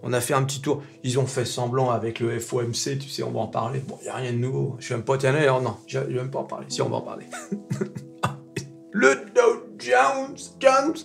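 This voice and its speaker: A man hosting a casual stock market video, talking familiarly to his viewers in an animated, joking way with mock-dramatic exclamations. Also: medium pitch, fast talker, creaky, few pauses, soft background music. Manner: talks familiarly to his audience.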